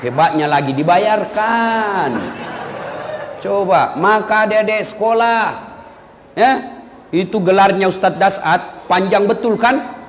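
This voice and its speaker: A man with a high voice preaches a humorous sermon. He tells his stories in an animated way and shouts out the punchlines. His voice rings through a reverberant hall over a faint background hum. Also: measured pace. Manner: animated storytelling with loud punchlines.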